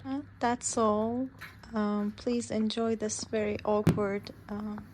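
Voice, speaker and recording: A very noisy recording features a slow-speaking Turkish woman, an English teacher, narrating a cooking video for language learners. Her voice is medium-pitched and level, and she describes each step in plain, simple sentences.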